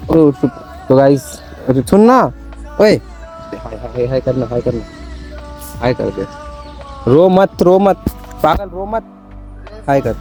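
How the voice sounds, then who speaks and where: A young man running a prank vlog, pleading and coaxing, repeating his words to calm someone down. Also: mid-range voice, slow pace, pauses often, soft background music. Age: young adult. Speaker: prank vlogger. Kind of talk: casual prank vlog argument.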